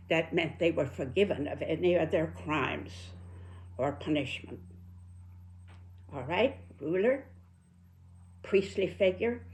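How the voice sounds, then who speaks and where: An elderly woman in her nineties giving a reflective talk, solemn and deliberate, in short phrases with long pauses. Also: on the low side, a little mellow. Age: 90s. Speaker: speaker. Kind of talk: reflective spoken talk with quoted passages.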